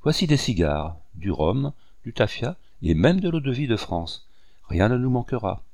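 A man voicing a cold, mocking English gentleman with haughty courtesy, in a storybook reading. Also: mid-range voice, big pitch swings, moderate pace, no room sound, studio quality. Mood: sly.

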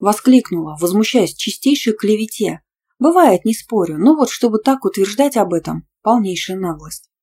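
A woman narrating a romance novel in the first person with a lively, expressive reading. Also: mid-range voice, normal speed, husky. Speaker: audiobook narrator.

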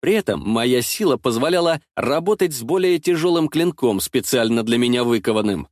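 A male narrator reads a first-person historical audiobook in an expressive storytelling manner. His mid-pitched voice rises and falls a great deal, and the close studio recording is completely dry. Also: brisk, no room sound.

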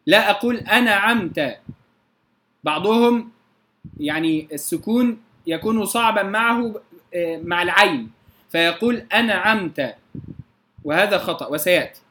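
Male tajweed teacher, high-pitched, explains the rules and demonstrates them with slow recited examples. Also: lively intonation, sharp tone. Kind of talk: tajweed lesson.

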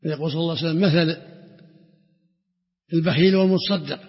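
Male scholar, raspy and gravelly with a higher pitch, emphatic, restarts words, old dull recording with a long hall echo. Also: fast talker. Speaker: scholar explaining hadith. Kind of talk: religious lesson commentary.

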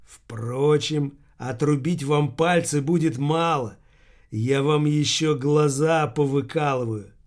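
Man reading as a slow, cold, menacing giant. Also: on the high side. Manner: slow, dry, threatening.

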